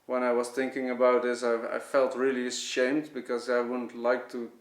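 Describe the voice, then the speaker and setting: Speaking with a Dutch accent, this native Dutch man shares a heartfelt, off-the-cuff testimony, frequently pausing as he hunts for the right words. His medium-pitched delivery is completely flat, captured in a roomy, echoing space.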